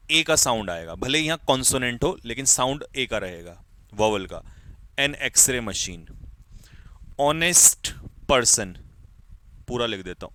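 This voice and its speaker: A man's voice: mid-range voice, sharp tone. A man teaching an English grammar lesson to exam students, calling out examples and quizzing the class.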